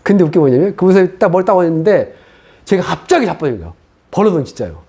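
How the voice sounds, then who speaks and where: A middle-aged man preaching a sermon as pastor, telling his own story in an animated way and acting out what he once said. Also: high voice, racing, husky. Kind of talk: sermon testimony.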